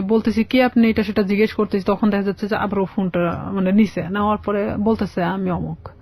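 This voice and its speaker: A woman with a mellow, medium-pitched voice shares her own story on the radio in a conversational way, frequently voicing both sides of past exchanges. The lo-fi radio sound is slightly dull.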